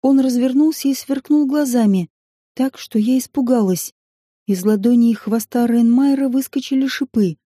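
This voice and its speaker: A woman narrating a science-fiction audiobook in an even, measured reading. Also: a little high, dry recording, clean studio sound.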